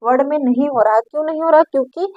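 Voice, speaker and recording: A woman's voice: sits high, fast, dry recording. A woman explaining pronunciation rules in a lesson, patient and repetitive, asking questions and then answering them herself. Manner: patient, repeats key points, asks and answers her own questions. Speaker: English pronunciation teacher. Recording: dry, muffled lo-fi recording.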